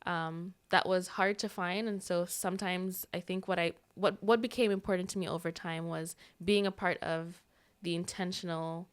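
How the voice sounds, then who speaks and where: A young woman from Uganda, co-hosting a podcast, speaking earnestly and warmly with many pauses. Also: fairly low pitch, steady tone, clear, resonant tone. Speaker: podcast co-host. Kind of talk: casual podcast chat.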